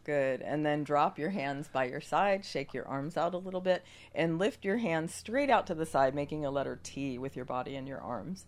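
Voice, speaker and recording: A woman with a gravelly voice from a cold, speaking as a guest yoga teacher and guiding meditation and movement in a measured, instructional way. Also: low voice. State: has a cold.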